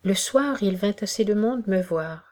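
A woman reading a classic novel aloud in the first person, measured and expressive. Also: medium pitch. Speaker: audiobook narrator. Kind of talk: first-person literary narration.

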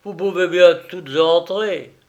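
An exasperated gentleman of the house bursts out in loud, raised exclamations, as a male reader puts him on. The voice climbs higher than the narration and carries a gruff, impatient edge. An audiobook scene. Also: takes it slowly, lo-fi sound. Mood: dismissive. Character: angry flustered master of the house, man.

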